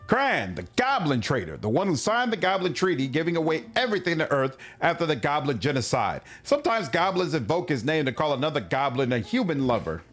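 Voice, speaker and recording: A man's voice: fairly high pitch, very animated, a little fast, hardly any pauses, a bit bright, soft background music. A man streaming a role-playing game, reading its dialogue aloud and reacting wryly. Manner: wry, reacting and reading on-screen text aloud.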